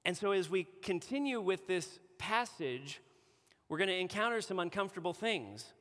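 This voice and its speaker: A male preacher with a fairly high voice tells a personal story within a sermon, speaking with earnest conviction. His words ring out with a long reverb, as if from a church sanctuary. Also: very animated, normal speed, a bit bright.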